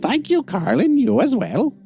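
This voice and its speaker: A man plays a churchgoing grandmother in a very high, mellow voice. She is genteel, chatty and fond of gossip, a village lady from a tabletop game with music behind her. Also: sing-song, unhurried, creaky, husky, exaggerated voice. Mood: polite. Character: middle-aged churchgoing grandmother, gossipy and polite.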